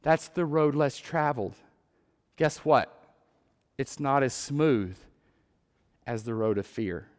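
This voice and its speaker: A man with a Texan accent giving an earnest sermon-style testimony, repeating words and building to loud emphatic peaks. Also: medium pitch, animated, slow, pauses often. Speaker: lay preacher. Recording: long hall reverb.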